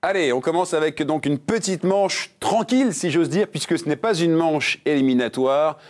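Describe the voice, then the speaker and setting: A man's voice: on the high side, a little mellow, soft background music. A man hosting a religious quiz game show, reading questions and answer options with playful puns. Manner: playful, jokey, reads options briskly.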